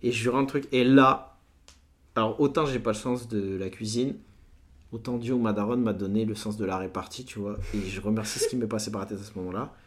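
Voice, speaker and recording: Guy in his 30s, banlieue n street slang, talks really fast, tells stories acting out who said what. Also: lowish voice. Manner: French suburb street slang; animated retelling with quoted dialogue. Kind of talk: casual anecdotal storytelling.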